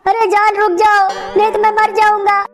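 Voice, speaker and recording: A woman's voice: extremely high pitch, completely flat delivery, moderate pace, faint music behind. A woman voicing a lovesick young man in a cartoon comedy, begging and pleading in a tearful way.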